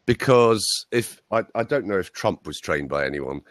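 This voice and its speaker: A man's voice: sits low, normal speed, no room sound, clean studio sound. A man, a voice coach, telling anecdotes in a casual interview chat over a video call. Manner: lively anecdotal storytelling.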